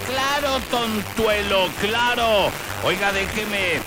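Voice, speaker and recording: A man's voice: high voice, takes it slowly, heavy background noise. A man, a radio host chatting his way through a live ad with folksy jokes. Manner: folksy, chatty, joking asides. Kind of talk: casual live radio ad read. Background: loud music.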